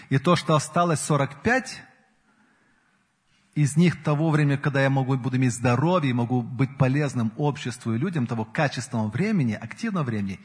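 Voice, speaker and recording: A man's voice: mid-range voice, husky. A man in his forties preaching a sermon in an earnest way, his emphasis rising and falling. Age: 40s. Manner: earnest, rises and falls in emphasis. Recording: long hall reverb.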